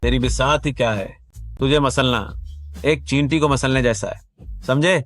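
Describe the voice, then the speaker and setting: An actor playing a cold, ruthless young rich heir in a dubbed drama, speaking with menace and contempt. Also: male voice, medium pitch, moderate pace, a bit bright, faint music behind, lightly acted. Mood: contemptuous. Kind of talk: Hindi dub of a short drama.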